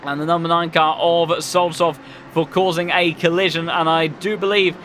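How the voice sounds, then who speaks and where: A man works as a motorsport commentator, calling the race in a high, bright and forceful voice. His play-by-play flows along descriptively with colourful phrasing, over faint background noise. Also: level tone, normal speed. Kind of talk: live sim-racing race commentary.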